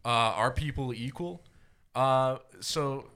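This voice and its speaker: An American man in his twenties co-hosts a casual politics podcast, rambling, swearing, laughing often and restarting his sentences. He speaks slowly in a medium-pitched, fairly bright voice.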